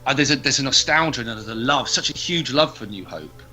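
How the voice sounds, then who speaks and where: A man's voice: medium pitch, lively intonation, a little fast, over music. A man, a comedy podcast host, chatting casually and enthusiastically as a guest. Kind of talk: casual chat.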